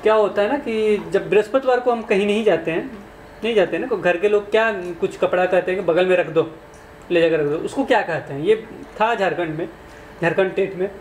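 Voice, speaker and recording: A man's voice: high-pitched, brisk. A man, teaching exam questions in a conversational way and asking his listeners questions. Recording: echoey room, faint background noise.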